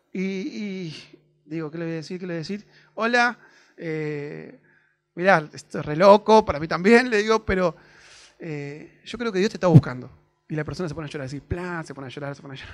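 A man's voice: high-pitched, fairly bright tone. A young man with a Rioplatense Spanish accent, preaching a sermon in a conversational, storytelling way, full of fillers and tag questions.

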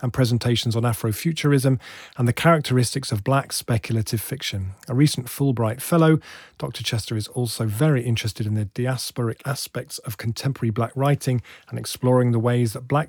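A man's voice: mid-range voice, brisk, a little mellow, slightly rough, no room sound, studio quality. A man hosting a podcast, reading a scripted introduction with enthusiasm and playful asides. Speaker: podcast host.

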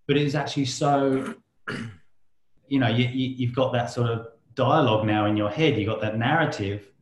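A podcast host with a mid-range voice chats loosely at a moderate pace during a casual interview, telling stories, laughing as he talks, and swearing freely. The sound is roomy.

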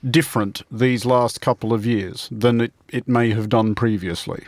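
Man, programme host, wry, deadpan, wordy satirical phrasing, medium pitch, very little room echo. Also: moderate pace. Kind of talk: scripted-sounding satirical hosting mixed with chat.

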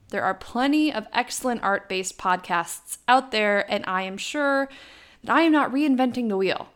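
A young woman with a Wisconsin accent and a nasal voice with some vocal fry, hosting a chatty, scripted solo podcast with playful, self-deprecating asides. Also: medium pitch, a bit bright. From Wisconsin, United States. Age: young adult. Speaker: podcast host.

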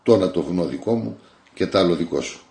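A man's voice: deep voice, animated, vocal fry, dark tone, roomy sound. A man voicing a long-suffering old grandmother who talks with weary resignation about her husband. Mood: resigned.

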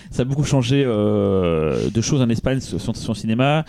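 A man's voice: lowish voice, animated, unhurried, vocal fry, warm tone, no echo. A man co-hosting a podcast, presenting a film in casual chat with frequent restarts and hesitations. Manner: rambling, many restarts and hesitations.

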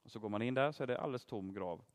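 A man's voice: mid-range voice, background noise. A man giving an interactive Bible teaching, quizzing his listeners and praising their answers. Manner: lively, asks the audience questions and praises answers. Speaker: preacher teaching a group.

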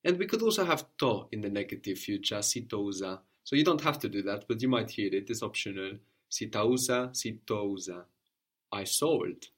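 A man's voice: lowish voice, expressive, normal speed, husky. Patient male language teacher. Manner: patient, prompting questions and repeating answers. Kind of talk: one-on-one language lesson.

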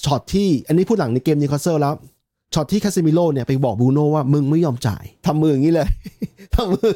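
A man in casual football podcast chat, talking quickly with a mellow, warm tone and a slightly high pitch. He laughs often and swears freely among friends. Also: animated. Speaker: podcast co-host.

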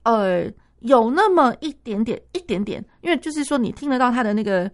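A woman music teacher explaining a piano piece on the radio, singing rhythms aloud and thinking out loud with many fillers. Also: on the high side, expressive, fairly quick. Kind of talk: radio music lesson chat.

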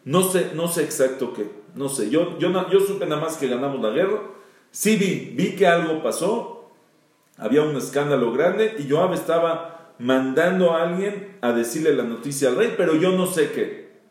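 Echoey rabbi. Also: male voice, fairly high pitch, lively intonation, moderate pace, a little mellow. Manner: reads Hebrew verses, then explains them in Spanish; repeats phrases for emphasis. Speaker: rabbi teaching. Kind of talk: Bible storytelling lesson. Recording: very echoey room.

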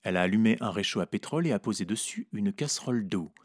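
A man narrating a literary story in a measured, reflective way. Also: lowish voice, expressive, dry recording, studio quality.

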